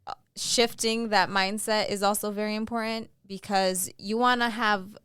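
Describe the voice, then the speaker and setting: A woman's voice: mid-range voice, steady tone, normal speed, a bit bright, a little hiss or hum. A woman co-hosting a casual podcast chat, giving advice in a playfully boastful coaching tone and checking in with "right?". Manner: talks in bursts with many "right?" and "um". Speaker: podcast co-host.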